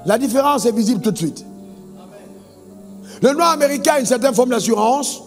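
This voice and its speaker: A man's voice: very high-pitched, expressive, a little fast. A man from Côte d'Ivoire preaching a sermon as a pastor, emphatic, telling stories and calling on the congregation for amens. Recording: long reverb with faint music.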